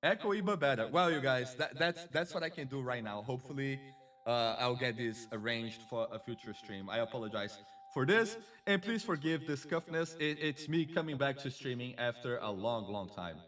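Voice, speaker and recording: A man's voice: mid-range voice, lively intonation, moderate pace, a bit bright, far from the mic. A man hosting a casual live stream, chatty and effusive, greeting viewers and a co-host.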